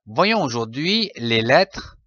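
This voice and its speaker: A man leads a children's phonics lesson at a very slow, deliberate pace, spelling each letter before blending it into a syllable. His voice is bright and sharp, and it rises and falls in lively swoops. The sound is dry and close. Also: medium pitch, no room sound, dull audio. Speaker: reading teacher.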